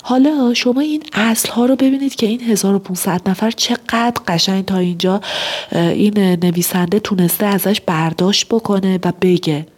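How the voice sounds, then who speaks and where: A woman's voice: mid-range voice, a little mellow, breathy edge. A woman giving relationship advice, explaining principles and telling an example story.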